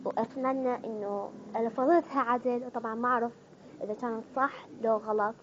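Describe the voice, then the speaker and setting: A woman's voice: fairly high pitch, lo-fi sound. A woman with an Iraqi accent, chatting cheerfully to her fans in a casual vlog. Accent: Iraqi Arabic. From Iraq. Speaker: vlogger. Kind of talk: casual dialect-challenge vlog.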